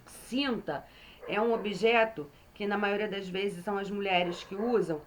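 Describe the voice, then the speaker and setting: Slow, patient Brazilian woman teacher. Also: medium pitch, a little hiss or hum. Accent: Brazilian Portuguese. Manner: slow and patient, sounding out syllables, frequent "certo?" check-ins. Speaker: primary school teacher. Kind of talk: online phonics lesson for young children.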